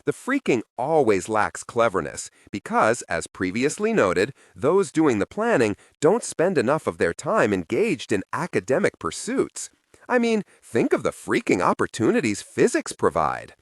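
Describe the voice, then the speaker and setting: A man narrating a first-person audiobook in a wry, expressive storytelling manner, close to the microphone. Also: medium pitch, moderate pace, dry recording.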